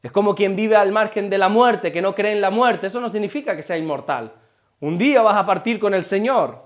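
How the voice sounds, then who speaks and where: A man's voice: high-pitched, fairly quick. A man preaching a sermon as pastor, emphatic and questioning the congregation. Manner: emphatic, asks the congregation questions, repeats words when stumbling.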